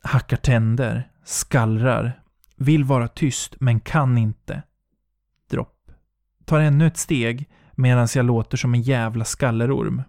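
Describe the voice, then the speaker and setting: A man's voice: medium pitch, steady tone, creaky, a little mellow, dry recording, clean studio sound. Tense man narrating horror in fragments. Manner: tense, breathless, clipped fragments. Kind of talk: first-person horror audiobook narration.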